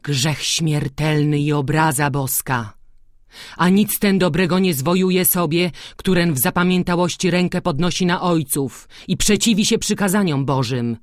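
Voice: mid-range voice, measured pace, no echo, studio quality, close to an everyday voice. A reader voicing a stern older male village priest who lectures and admonishes, in an audiobook. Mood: scolding.

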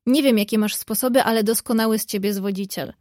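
A woman voicing an outspoken, quick-tempered young woman in a read-aloud story. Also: fairly high pitch, dry recording, studio quality, natural voice. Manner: lively, outspoken.

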